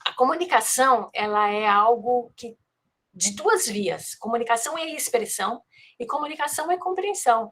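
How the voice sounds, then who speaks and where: A woman's voice: fairly high pitch, expressive, moderate pace, a bit bright. A woman with a Brazilian accent giving a spontaneous lecture as a course instructor, reflective and hesitant, often checking for agreement. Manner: reflective, hesitant, seeking agreement with tag questions.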